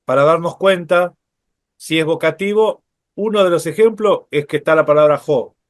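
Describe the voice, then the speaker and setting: A man teaching a Bible study lecture, explaining step by step, often checking in with his listeners and pausing on fillers. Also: on the high side, dry recording, studio quality.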